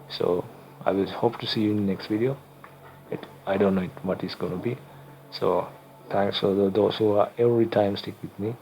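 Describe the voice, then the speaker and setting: A young Sri Lankan man hosts a screen-recorded coding tutorial in English, not his first language, explaining haltingly with many fillers, restarts, and self-corrections. His voice is low, gravelly, and a little mellow, and the low-quality recording has faint music underneath.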